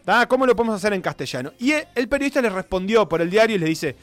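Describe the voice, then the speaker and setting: A man's voice: sits high, quick pace, dry recording, faint music behind. A man telling football history as a casual co-host, reading quotes aloud with flair. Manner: animated, reads quotes aloud with dramatic flair. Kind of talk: casual radio-style storytelling.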